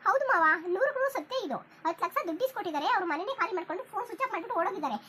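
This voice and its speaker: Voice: very high-pitched, lively intonation, rapid-fire, very noisy. A cartoon voice of a young village daughter-in-law, pleading and repeating herself. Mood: tattling. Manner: pleading, repetitive.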